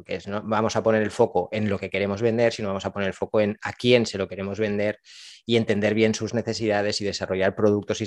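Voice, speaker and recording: A man's voice: fairly low pitch, dry recording. A middle-aged man with a Spain Spanish accent, casually recommending business books as podcast co-host, rambling with fillers and self-corrections.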